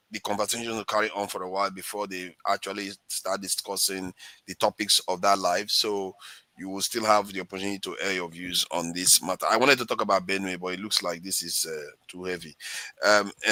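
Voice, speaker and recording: Male panel moderator: low, bright-edged voice, hesitant with fillers, dry sound. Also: steady tone, fairly quick, dry recording. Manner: hesitant, many fillers, calls on speakers. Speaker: moderator of a live audio discussion. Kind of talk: moderating a live online panel.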